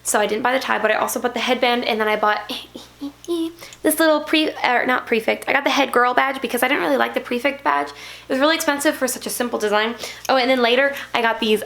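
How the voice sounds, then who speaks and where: Chatty, excited young woman vlogger. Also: fairly high pitch, brisk, gravelly. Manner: chatty, excited, rambling with self-corrections. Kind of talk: casual vlog recap.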